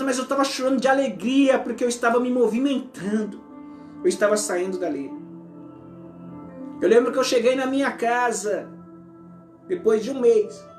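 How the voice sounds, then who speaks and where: A man preaching an emotional testimony as an apostle, his voice often sinking to a hush. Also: very high-pitched. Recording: echoey church hall with music.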